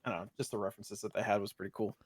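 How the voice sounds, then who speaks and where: A podcast co-host chats casually about retro gaming news in a loose, rambling way. His lowish voice stays level in tone while he talks rapid-fire, and there's no room sound.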